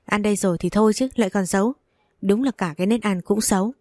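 A woman's voice: mid-range voice, quick pace, dark tone, no echo, natural voice. A woman voicing a scolding, accusing old mother-in-law with nagging reproaches in a storybook reading.

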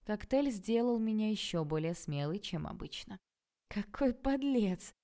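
A woman narrating a first-person novel in a lively, theatrical, ironic way. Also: medium pitch, moderate pace. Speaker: audiobook narrator.

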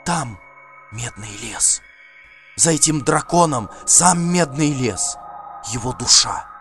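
A man reading an audiobook voices a dazed woman seer who has just come out of a trance, speaking slowly and haltingly in a breathy, distant way. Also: medium pitch, animated, fairly bright tone, soft background music, voice pushed up. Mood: eerie, dazed. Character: trance-dazed seeress woman, eerie, cryptic.

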